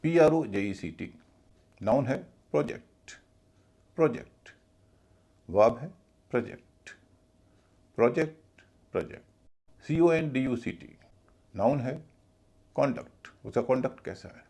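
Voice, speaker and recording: A man's voice: medium pitch, expressive, measured pace, vocal fry, long pauses, dark tone, slightly rough. A man teaching English pronunciation in a video lesson, spelling out words letter by letter and repeating each pronunciation patiently.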